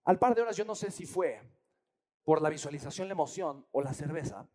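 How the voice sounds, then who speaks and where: A man spins a personal anecdote at a quick clip. His voice sits high and he keeps it animated, slipping into the voices of the people he describes. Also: crowd noise. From Mexico. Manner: animated, acts out voices and quotes. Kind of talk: storytelling to an audience.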